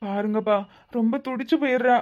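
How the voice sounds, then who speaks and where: A woman's voice: fairly high pitch, fairly even intonation, a little mellow, close to an everyday voice. A woman voicing an anxious young husband who fires off worried questions, in a Tirunelveli Tamil accent. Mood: worried, fussing. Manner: fretful, rapid worried questions. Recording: slightly muffled lo-fi audio.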